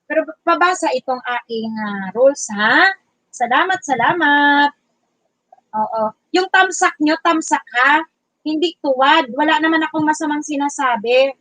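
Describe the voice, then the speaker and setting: High-pitched teacher lady from bicol, loud and chatty on a livestream, dry close sound. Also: measured pace, no echo, low-quality recording. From Bicol region, Philippines. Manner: loud, chatty, greeting viewers by name. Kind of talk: casual livestream chat.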